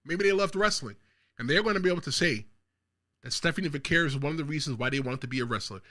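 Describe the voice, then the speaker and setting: A quick-talking man from the Bronx, with a slightly high and sharp voice, hosts his own wrestling commentary show. He addresses viewers head-on and pushes his hot takes hard.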